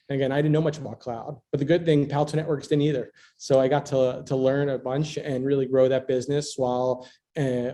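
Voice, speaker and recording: A man's voice: mid-range voice, dark tone. A man from Philadelphia on the US East Coast, a business development executive, talking through his career on a panel in an upbeat, driven way. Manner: upbeat, self-described type A. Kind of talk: panel interview answers.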